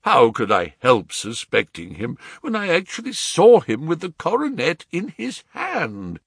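Man doing an agitated middle-aged banker, insistent, emphatic, lively delivery, dry sound. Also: on the high side, measured pace, gravelly, slightly rough, dry recording, voice pushed up, exaggerated voice. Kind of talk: audiobook reading.

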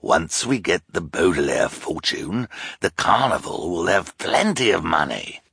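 Man playing a scheming, very deep-voiced villain. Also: very animated, unhurried, gravelly, a bit bright, breathy edge, dry recording, clean studio sound, exaggerated voice. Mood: impatient. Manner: sardonic, commanding. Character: scheming, boastful male villain, greedy and impatient.

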